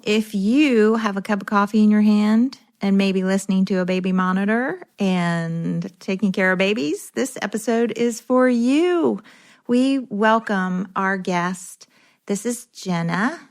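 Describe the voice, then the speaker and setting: A woman's voice: mid-range voice, a little slow. A middle-aged woman hosting a parenting podcast interview, chatty and affirming with her guest. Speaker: podcast host.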